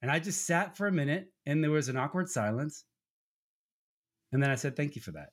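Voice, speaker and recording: A man in his forties telling a personal story in an earnest, conversational way, talking about his faith. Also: brisk. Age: 40s. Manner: earnest storytelling, acts out quotes with raised pitch. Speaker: podcast co-host. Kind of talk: faith-based conversational talk.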